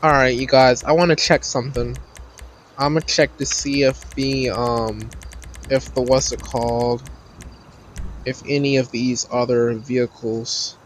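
A man's voice: mid-range voice, steady tone, a little slow, a little hiss or hum. A man hosting a gaming video with informal commentary, thinking aloud as he plays. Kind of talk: casual gameplay commentary.

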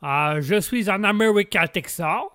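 A man's voice: sits high, expressive, unhurried, sharp tone, no room sound, studio quality, full character voice. Man doing a fumbling Texan billionaire. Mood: boastful. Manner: fumbles for words, drops English words. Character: boastful Texan billionaire man, gun-maker.

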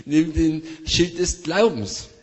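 Male church interpreter, fairly high voice, echoing hall, matches the preacher's intensity. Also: takes it slowly, darkish tone, husky. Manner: follows the preacher's energy, hesitant fillers. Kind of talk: live sermon interpretation. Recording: echoey hall.

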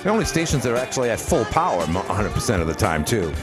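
A man's voice: lowish voice, sing-song, very fast, music in the background. A man from the Northeast of the US hosting a radio show, chatting in a jokey, teasing way with his guest in the studio. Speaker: radio host. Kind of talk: casual radio interview.

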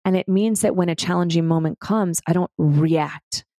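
A woman's voice: on the low side, moderate pace, mellow, no echo. A woman hosting a spiritual self-help podcast, talking earnestly and encouragingly straight to the listener. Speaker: podcast host.

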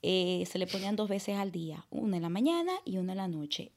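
A woman's voice: lowish voice, a little fast. A young woman telling her story as a guest in an interview, acting out the people she quotes. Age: young adult. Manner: lively, acts out dialogue in quoted voices. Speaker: guest, mother.

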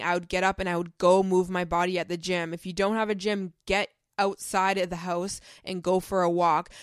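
A woman's voice: on the low side, clear, resonant tone, dry recording, studio quality. A young woman in her twenties hosting a podcast, talking earnestly and from the heart in casual advice, with many "like"s. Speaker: podcast host.

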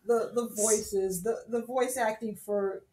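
A woman co-hosting a casual podcast chat. She talks in an animated way, with many fillers and restarts. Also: on the high side, slow pace. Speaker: podcast co-host. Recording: roomy echo.

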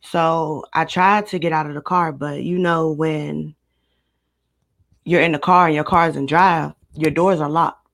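A woman in her twenties from Maryland, a guest recounting a personal story in a casual interview, steady and matter-of-fact. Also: low voice, measured pace. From Maryland, United States. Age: 20s.

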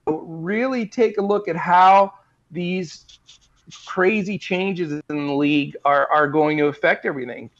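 Male guest analyst on a dull line. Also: high-pitched. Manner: earnest, repetitive, full of fillers. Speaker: fantasy basketball analyst guest. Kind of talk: casual interview advice.

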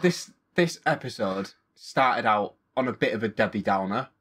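A man's voice: fairly low pitch, animated, normal speed, a bit bright, slightly rough. A young man from Northern England co-hosting a podcast, chatting casually with dry, teasing humour. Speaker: podcast co-host. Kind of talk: casual chat.

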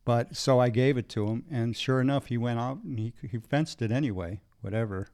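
A man's voice: medium pitch, fairly quick, dry recording. Dry, close-miked man reminiscing casually. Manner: relaxed storyteller, frequent "right" and "uh". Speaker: podcast co-host.

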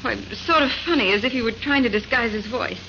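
Plucky bright-voiced detective's girl assistant. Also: on the high side, fast talker. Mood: plucky, rattled. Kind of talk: mid-century American radio drama acting. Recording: muffled, noisy vintage radio recording.

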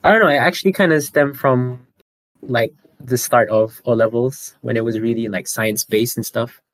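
A man's voice: mid-range voice, normal speed, no room sound. A young man of about nineteen, chatting as a podcast co-host and explaining things earnestly, step by step. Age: teens. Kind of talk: casual chat.

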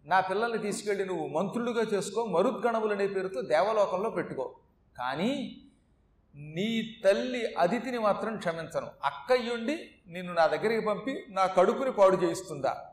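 A man's voice: high voice, lively intonation, normal speed. A man voicing a wrathful divine mother. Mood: stern. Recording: echoey room.

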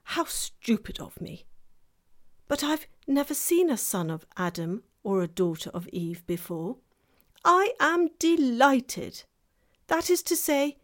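A woman's voice: on the low side, very animated, unhurried, darkish tone, full character voice. A woman voicing a polite, fussy male faun who speaks formally and wistfully, for a storybook reading. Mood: eager. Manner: courtly, formal and eager.

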